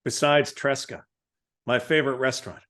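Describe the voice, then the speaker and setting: A man hosting a podcast interview, teasing his guest and tossing out quick questions. His voice sits at an ordinary middle pitch, and his manner stays light and jokey throughout. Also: fairly even intonation, a bit bright. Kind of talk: casual interview chat.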